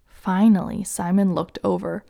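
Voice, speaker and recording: A woman narrating a children's story gently and asking the young listener questions. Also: medium pitch, little pitch movement, measured pace, gravelly.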